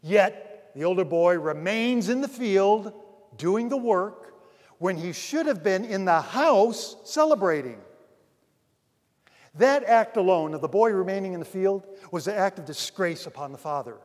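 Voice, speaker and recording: A pastor preaches with a high voice that rings out in a large hall with a long reverb. He swings from ringing emphasis to almost hushed asides, addressing the congregation as dear friends. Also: expressive, unhurried. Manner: dramatic swings between loud emphasis and near-hushed asides. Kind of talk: sermon.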